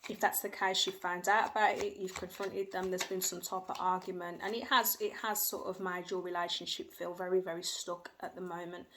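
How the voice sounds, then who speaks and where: With a fairly low, slightly bright voice, a woman reads tarot cards for viewers at home. Her style is hedging and repetitive, guided by what she feels, and her young children can be faintly heard.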